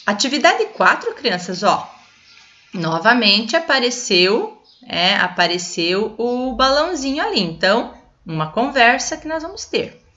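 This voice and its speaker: A Brazilian woman teaches children in a bright, forceful voice that rises and falls with lively animation. She explains patiently, checking often that her young listeners follow along. The recording sounds muffled and lo-fi. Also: mid-range voice. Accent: Brazilian Portuguese. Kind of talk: classroom lesson for children.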